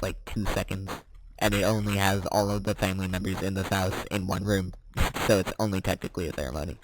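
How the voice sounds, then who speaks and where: A teenage boy chatting casually while playing a game, rambling and correcting himself as he answers quick questions. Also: deep voice, slight background noise. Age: teens. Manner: rambling, self-correcting, chuckling. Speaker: gaming vlogger.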